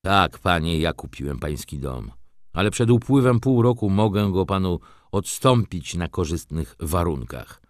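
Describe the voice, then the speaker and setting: A man's voice: low voice, expressive, unhurried, no echo, clean studio sound. A man voicing a middle-aged merchant who speaks in a clipped, businesslike and restrained way. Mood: curt. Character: middle-aged male merchant, cool and curt.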